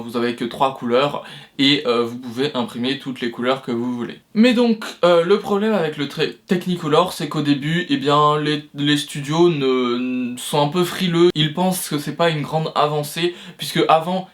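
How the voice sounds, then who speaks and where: A young man hosting an educational video on film history, talking loosely with many fillers and restarts. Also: on the high side. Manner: loose, hesitant delivery full of fillers and restarts. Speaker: history of cinema video host. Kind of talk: casual educational talk.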